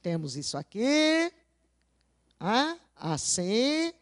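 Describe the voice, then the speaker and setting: A woman teacher walks through exam answers with a lively voice that swings up and down. She sits a little high in pitch and keeps quizzing her class with questions she answers herself. The sound is close and dry, with no room around it. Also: no room sound. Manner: didactic, stresses key words slowly. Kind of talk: video lesson going over exam answers.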